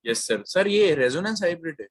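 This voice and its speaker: A man's voice: on the high side, animated, brisk, no room sound. A male student asking his teacher questions and answering with short, polite replies.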